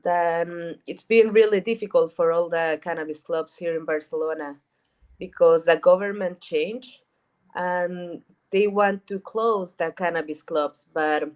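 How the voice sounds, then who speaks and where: A woman from Rica, a guest chatting casually in an interview, talking in a halting way with repeated words and lots of fillers. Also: fairly low pitch, steady tone, darkish tone. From Costa Rica. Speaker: guest, cannabis events organizer.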